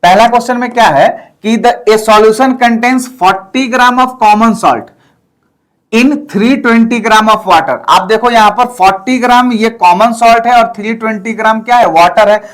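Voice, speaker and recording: Here the chemistry lecturer's voice sits high and moves a little slowly. He walks the class through the material step by step, sprinkling in English terms and pausing often to check understanding.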